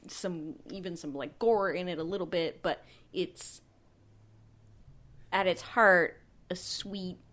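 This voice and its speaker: A slightly tipsy woman with a lowish voice chats about movies. She talks loosely, hedges her opinions and giggles now and then. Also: slow pace, pauses often, fairly bright tone. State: tipsy and sleepy. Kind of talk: casual movie chat.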